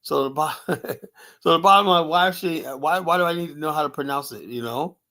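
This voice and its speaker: A man's voice: fairly high pitch, a little fast, bright, forceful tone. A man hosting a live stream, talking bluntly and profanely, arguing, with many "you know" fillers. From United States. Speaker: host. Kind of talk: combative live-stream commentary.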